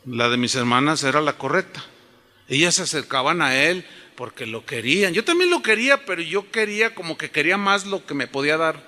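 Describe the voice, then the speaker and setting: A pastor preaching a sermon to a congregation, animated and telling stories. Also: male voice, a little high, brisk. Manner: animated, storytelling, addresses the congregation. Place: church auditorium. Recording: reverberant auditorium.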